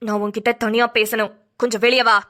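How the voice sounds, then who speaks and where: A woman's voice: a little high, level tone, brisk, background noise. A woman voicing an angry middle-aged cartoon mother who scolds and accuses while hunting for her son. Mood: stern. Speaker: cartoon voice artist.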